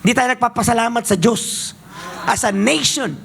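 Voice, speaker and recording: A man preaching a sermon as pastor, with slow emphatic phrases, quick asides, scripture read aloud and call-and-response with the congregation. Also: very high-pitched, creaky, a bit bright, a little hiss or hum.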